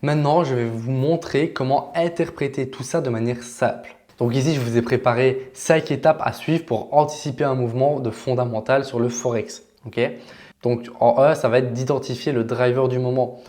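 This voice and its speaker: Un homme, formateur en trading, qui explique des notions de façon détendue et familière, avec des « euh » et des « bah ». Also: male voice, medium pitch, normal speed. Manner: relaxed, chatty explaining with filler words. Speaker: trading educator. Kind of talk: casual explanatory lesson.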